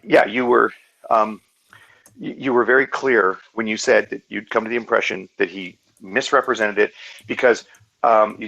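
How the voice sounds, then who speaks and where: Man, husky voice, earnest, analytical, online call. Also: on the low side, fairly bright tone, rough recording. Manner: earnest, analytical, full of fillers and restarts. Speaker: hangout guest. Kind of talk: casual video call discussion.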